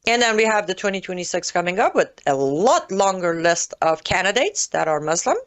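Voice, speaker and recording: A woman commentator speaking as a talk show guest, emphatic and sarcastic with quick asides. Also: lowish voice, very animated.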